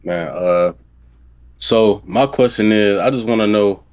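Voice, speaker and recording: Halting low-voiced male caller. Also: darkish tone, smooth. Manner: halting, with many "you know what I'm saying" fillers. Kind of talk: call-in on a live stream.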